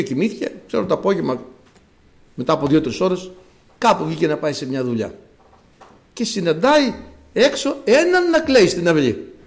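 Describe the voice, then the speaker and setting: Man, sermon, storytelling, loud then hushed, fairly high-pitched. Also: vocal fry. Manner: storytelling, swings from loud exclamations to soft asides. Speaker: preacher.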